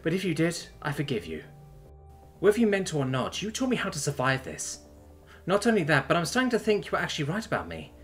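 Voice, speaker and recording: A man acts out a tough, foul-mouthed, battle-worn Terran woman from a sci-fi story, pushing his voice high with a bright edge as the pitch swoops wildly and the pace stays quick. She's blunt, wry, and swears casually, teasing yet tender underneath, while grieving and pleading. Music plays behind the voice.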